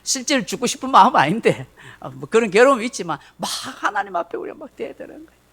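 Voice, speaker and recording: Pastor, middle-aged guy, sunday sermon, high voice, really expressive storytelling. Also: fast talker, creaky, slightly rough. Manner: emotive, dramatic storytelling with acted quotes.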